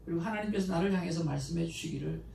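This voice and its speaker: A man, a pastor, giving a conversational Sunday sermon in a church, mixing stories with animated pleas to God. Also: on the high side, normal speed, creaky. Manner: conversational, anecdotal preaching with animated emotional quotes. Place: church sanctuary. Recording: echoey church room, mic at a distance, faint background noise.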